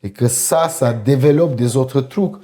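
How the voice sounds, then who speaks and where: A man from Romania, speaking in a casual podcast chat in a halting way, repeating words and using phrasing. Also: medium pitch, warm tone. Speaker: podcast guest.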